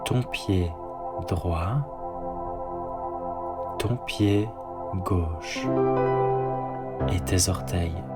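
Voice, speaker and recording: A man leading a guided sleep meditation and bedtime story, speaking softly and calmly. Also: low-pitched. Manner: slow, soft, calm guiding delivery. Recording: soft ambient synth music underneath.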